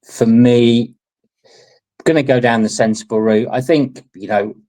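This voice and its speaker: A man chatting casually in a measured, diplomatic way. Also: medium pitch, steady tone, mellow, low-quality recording. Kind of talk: casual chat.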